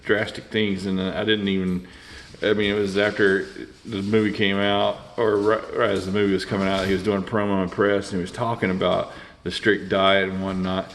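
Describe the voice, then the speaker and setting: Man, 40s, very low voice, rambling unscripted toy-review delivery full of "uh"s, faint hiss behind. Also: flat delivery, moderate pace, hardly any pauses. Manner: rambling, many fillers and restarts.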